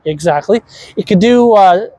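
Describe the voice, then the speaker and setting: A man's voice: high-pitched, animated, moderate pace, warm tone, no room sound. A man chatting casually as he explains old electric cars in an indoor museum, enthusiastic and rambling, with many restarts. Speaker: co-host explaining car exhibits. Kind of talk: casual chat touring a museum. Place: indoor car museum hall.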